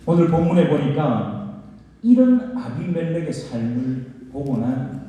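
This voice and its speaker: A man's voice: on the high side, sing-song, unhurried, dark tone. A male pastor preaching a sermon in a folksy storytelling manner, asking the congregation questions. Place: church sanctuary. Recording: echoey church hall from far off.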